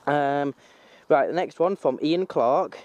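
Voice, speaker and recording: Outdoors with a handheld camera, a young vlogger from North Wales with a faint Manchester accent chats loosely, wandering off track and correcting himself. His voice is fairly high and a little mellow, and he speaks slowly. The recording is dry and lo-fi.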